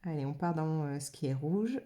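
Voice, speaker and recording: A French woman talks through a watercolour demo in a relaxed, chatty way. She thinks aloud and uses a lot of fillers. Her voice sits low and sounds mellow and soft. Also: normal speed. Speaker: watercolour channel host. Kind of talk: casual art demo narration.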